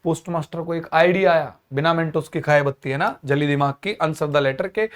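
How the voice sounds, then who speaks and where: A young man with a fairly high voice teaches an exam-prep lesson at a moderate pace, explaining in Hindi mixed with English. He slips into acted-out character voices to keep the class engaged.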